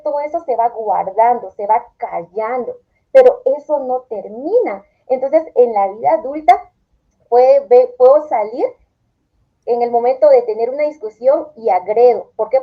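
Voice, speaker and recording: Calm explaining woman, dull lo-fi audio. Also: a little high. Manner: calm, explanatory, acts out quoted phrases. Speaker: therapist guest. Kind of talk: explanatory interview answers. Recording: dull lo-fi sound.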